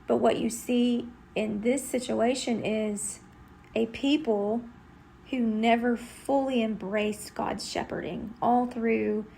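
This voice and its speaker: A woman's voice: on the high side, vocal fry, warm tone, a little hiss or hum. A middle-aged woman from Texas, giving an earnest, conversational devotional Bible teaching.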